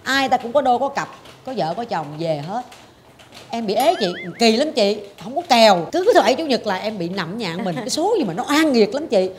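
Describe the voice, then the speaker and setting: Animated woman in her forties. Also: on the high side, brisk, a little hiss or hum. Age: 40s. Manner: animated, dramatic, acts out her own past thoughts. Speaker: talk show host. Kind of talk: confessional storytelling chat.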